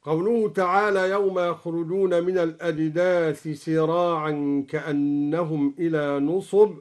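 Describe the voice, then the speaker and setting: A man explaining variant readings of scripture in a measured way, chanting each quoted verse in turn. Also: a little high, steady tone, darkish tone. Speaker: Quran recitation scholar.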